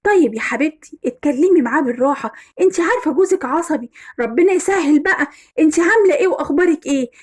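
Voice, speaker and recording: A woman with an Egyptian accent voicing a young woman gently advising her friend. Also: sits high, animated, fast talker.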